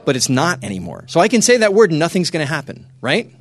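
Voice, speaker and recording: A man giving a lively, joking talk to a young audience, often hushing and settling the crowd. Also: on the high side, fast, no room sound. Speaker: youth speaker.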